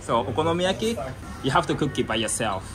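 A woman's voice: rumbling low, animated, quick pace. A woman hosting a casual dinner interview with visitors, chatty and laughing often as she asks many questions. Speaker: host. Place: busy Tokyo street and restaurant. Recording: noisy crowded restaurant recording. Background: restaurant crowd and music.

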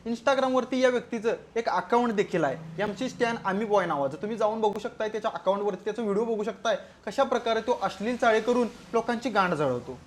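A man's voice: high-pitched, fast talker, hardly any pauses, background noise. Man roasting with crude mockery. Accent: Marathi. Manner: scolding, crude and teasing. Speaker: roast commentator. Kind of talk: mocking comedy roast commentary.

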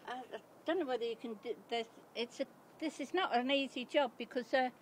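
A woman's voice: high-pitched, brisk, slight background noise. An elderly woman chatting hesitantly on a doorstep, picked up outdoors on a handheld phone. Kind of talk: casual doorstep chat. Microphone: handheld phone held by the other person.

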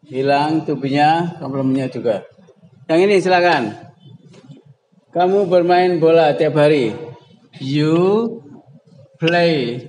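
Male teacher, slightly high voice, unhurried drilling of example sentences. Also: darkish tone, a little hiss or hum, low-quality recording. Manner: slow, drawn-out example sentences with prompting calls. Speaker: English teacher. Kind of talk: classroom grammar lesson.

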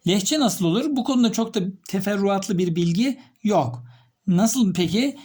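A male teacher giving a literature lesson, asking his students questions and repeating key terms slowly as he writes. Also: high voice, lively intonation, a little mellow, husky. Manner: explains step by step, repeats key terms while writing; addresses students directly with questions.

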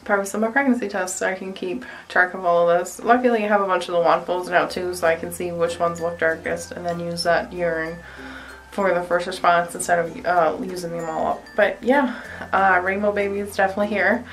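A woman's voice: lowish voice, fairly even intonation, a little fast, faint music behind, rough recording. A young woman with a cold, vlogging casually at home into a phone camera, chatting with lots of "um" and "like". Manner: chatty, many fillers like "um" and "like". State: has a cold. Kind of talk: casual vlog. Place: home bathroom. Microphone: handheld phone camera.

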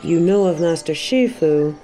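A woman playing a stern but warm-hearted tiger kung fu master in a roleplay audio, speaking in a measured, composed way to the listener. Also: on the low side, animated, slight background noise, rough recording. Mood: calm, formal. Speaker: voice actor in a fan roleplay audio. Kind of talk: scripted roleplay addressed to the listener.

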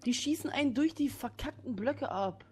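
A woman chatting casually while playing a video game with a friend, loud and complaining with plenty of swearing. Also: high-pitched, expressive, moderate pace, husky. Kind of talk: casual let's-play chat.

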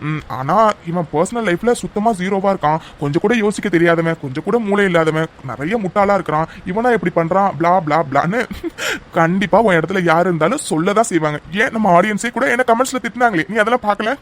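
Fast, high-voiced man in a teasing cartoon role. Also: a bit bright. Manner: teasing, affectionate, chatty. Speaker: narrator voicing a doting older brother. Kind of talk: cartoon story voice acting.

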